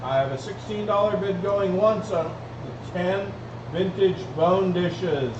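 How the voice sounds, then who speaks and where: A man with a high voice calls bids as an auctioneer at a live auction, repeating the numbers in a steady chant-like patter. He sounds some way from the microphone in an echoey room. The recording is dull. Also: a little slow. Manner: auctioneer's repetitive bid calling, addressing folks. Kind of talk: live online auction calling. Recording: roomy, distant mic, dull, clearly noisy.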